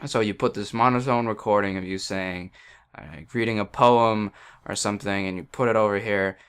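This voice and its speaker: Indoors at a computer by a wall, a man talks into a headset about audio settings in a casual, rambling way. His lowish voice is steady, clear, resonant and a little fast, but he hesitates, pokes fun at himself, and keeps restarting with plenty of fillers.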